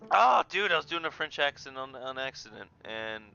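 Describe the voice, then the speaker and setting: A goofy man narrating a video game playthrough, reading the game text aloud and joking to his viewers. His voice is bright and very animated. The recording is dull and lo-fi, with faint game music underneath. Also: mid-range voice, normal speed, vocal fry, slight background noise. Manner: goofy, jokey, talks to chat. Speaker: gaming channel host.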